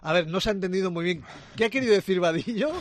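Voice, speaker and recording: A man's voice: high voice, racing, no echo. A man hosting a sports radio panel, speaking directly and emphatically while steering the discussion. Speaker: radio sports show host. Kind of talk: lively studio debate.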